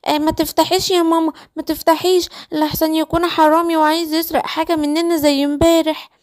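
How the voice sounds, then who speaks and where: A high, whining little girl calf from a children's cartoon, pleading and refusing in Egyptian Arabic, as a woman puts her on. She has a childish voice that sits well above an ordinary speaking pitch. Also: flat delivery, fast. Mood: worried.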